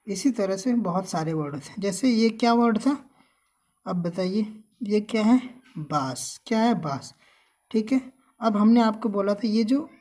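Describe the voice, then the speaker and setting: A woman's voice: mid-range voice, dark tone. A woman teaching English reading, drilling words by asking a question and then answering it herself. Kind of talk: slow phonics lesson.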